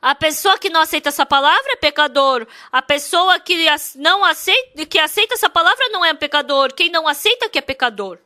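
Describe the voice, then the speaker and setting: Woman, interpreted sermon, very high voice, emphatic, repetitive. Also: lively intonation, a little fast, few pauses, bright, forceful tone, dry recording, studio quality. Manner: emphatic and repetitive, with many rhetorical questions.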